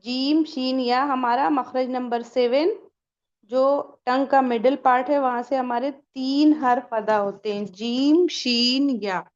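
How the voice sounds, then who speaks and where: A Quran recitation teacher, a woman with a high voice and steady tone, gives a slow, step-by-step pronunciation lesson. She asks and answers her own questions and draws out the sample sounds, and the audio is dull.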